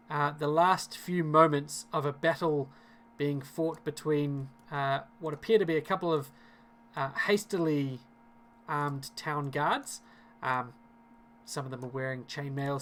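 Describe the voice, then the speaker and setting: A man's voice: fairly high pitch, a bit bright. A man narrating a tabletop game as game master, casual and hesitant, with many fillers.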